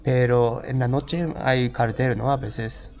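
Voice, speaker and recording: Here the Japanese vlogger talks slowly, his medium-pitched voice a little mellow and fairly even in intonation. Holding the camera himself at an outdoor migrant shelter next to railway tracks, he narrates and chats cheerfully in plain Spanish and English.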